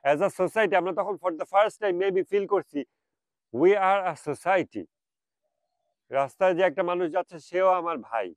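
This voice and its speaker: A man with a Bangladeshi Bengali accent gives a reflective religious talk, slipping slow English phrases into his speech. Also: sits high, no room sound. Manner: mixes English phrases, stretches them out slowly. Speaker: speaker.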